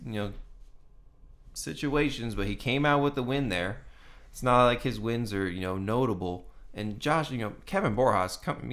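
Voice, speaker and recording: The man behind this fight predictions video speaks at a medium pitch with a fairly bright tone. Casual but increasingly fired up, he curses a lot and says things twice to drive them home. Expect plenty of "come on now" and "you know what I mean" in his heated, profane delivery as host of the fight picks channel.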